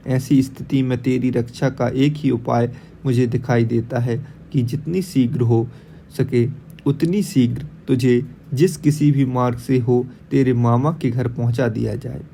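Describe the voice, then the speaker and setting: A man's voice: medium pitch, steady tone, a little slow, creaky, warm tone. A man voicing an older Brahmin father who urges and scolds, in an audiobook read-aloud, with faint noise behind. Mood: urgent.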